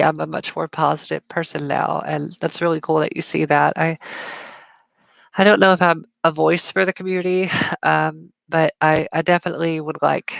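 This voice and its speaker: Woman chatting on a live stream, lots of ums and likes, sharp S sounds, super fry-heavy voice. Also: sits low, dry recording. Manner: smiles while talking, chatty with frequent fillers. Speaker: livestream host. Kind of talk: casual live Q&A chat.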